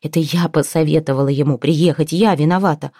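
A woman voicing an impulsive, emotional woman friend who pleads and shouts through tears. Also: sits low, steady tone, brisk, dry recording, clean studio sound. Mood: pleading. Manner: loud, tearful, indignant.

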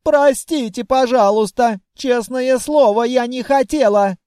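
A man's voice: extremely high pitch, measured pace, darkish tone, clean tone, dry recording, studio quality, pitched above the performer's own voice. Man doing a timid flustered dragoness. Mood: flustered polite. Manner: shrieking, apologetic, chatty. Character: timid fussy female dragon, polite and flustered.

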